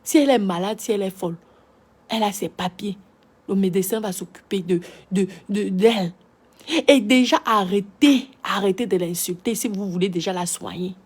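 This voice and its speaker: Speaking at normal speed in a medium-pitched, slightly mellow and slightly rough voice, a social media commentator with a Cameroonian French accent scolds her audience. Her impassioned live-video monologue is full of repeated rhetorical questions.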